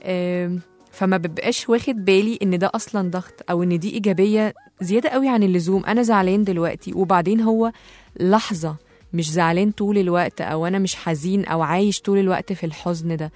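A woman's voice: on the low side, fast talker, darkish tone, no room sound, soft background music. A woman with an Egyptian Arabic accent hosting a talk show monologue and acting out the voices of people who comfort others. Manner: acts out comforting voices in quotes. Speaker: host.

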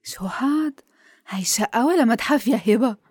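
An actress playing a teasing, dry-witted young friend with a Levantine accent in a radio drama. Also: female voice, fairly high pitch, lively intonation, moderate pace, a little mellow, husky, dry recording.

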